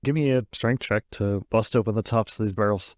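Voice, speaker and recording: A man's voice: on the low side, brisk, a little mellow, no room sound. Man narrating as game master. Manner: descriptive scene-setting narration.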